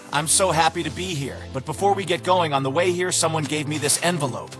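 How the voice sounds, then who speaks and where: A man's voice: fairly high pitch, fairly quick, over music, lightly acted. A man voicing flirty fruit guy Brian. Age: 20s.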